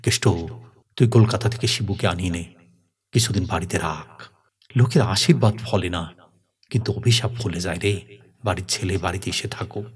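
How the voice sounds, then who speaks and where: A man voicing a grave, shaken elder landowner brother in a storybook reading, speaking low and heavy. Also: moderate pace, pauses often, close to an everyday voice. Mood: somber.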